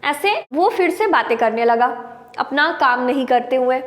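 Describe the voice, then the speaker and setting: A woman's voice: sits high, lively intonation, normal speed. Woman teacher, patient lesson tone, long reverb on the room. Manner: patient, explains word meanings. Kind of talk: lesson explaining an English story in Hindi.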